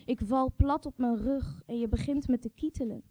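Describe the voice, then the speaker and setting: A woman's voice: high-pitched, normal speed, mellow, no echo. A woman reading a surreal, intimate prose piece aloud, speaking straight to a "you". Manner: intimate, addresses a "you" directly.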